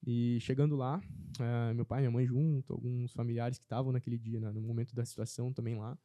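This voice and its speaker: A man telling a personal faith testimony as a podcast guest in casual chat, earnest and animated. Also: mid-range voice, fast talker, no room sound, studio quality.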